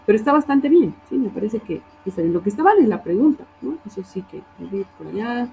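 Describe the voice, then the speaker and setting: A woman's voice: mid-range voice, big pitch swings, fast, gravelly, warm tone, slight background noise, poor audio. A woman teacher reviewing student assignments, correcting wording and often checking in with her class.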